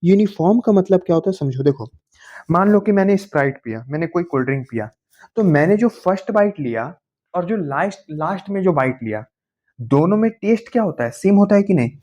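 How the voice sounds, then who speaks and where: A male science teacher gives a school lesson in a mellow, fairly high voice. He reads textbook English slowly, then explains in casual Hindi and keeps checking that students follow. The sound is dull and lo-fi. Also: animated. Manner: coaxing, informal, addresses students as bhaiya. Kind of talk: classroom lecture to school students.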